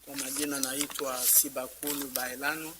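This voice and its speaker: A man's voice: medium pitch, flat delivery, normal speed, background noise. A man from Congo speaking in short phrases for an interpreter at a council meeting. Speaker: community leader. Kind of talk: public comment speech.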